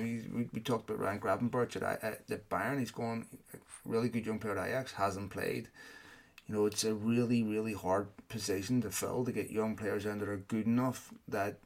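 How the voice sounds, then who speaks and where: A man speaking with braces on his teeth, giving opinionated football punditry as a guest in casual discussion, repeating words for emphasis. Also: on the low side.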